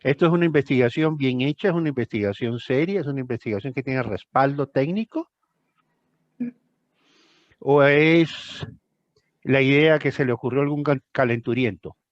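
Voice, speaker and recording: A man's voice: medium pitch, moderate pace, dry recording, highs cut off. Emphatic older man tutoring. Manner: emphatic, repeats phrases for stress. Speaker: thesis tutor. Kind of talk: one-on-one tutoring session.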